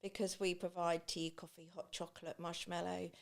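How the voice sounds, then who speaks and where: Speaking in a gravelly, fairly low voice with little pitch movement and a moderate pace, a middle-aged woman with an East Anglian English accent tells personal stories on a podcast. She is a beach hut business owner from Great Yarmouth, England, and acts out remarks she recalls.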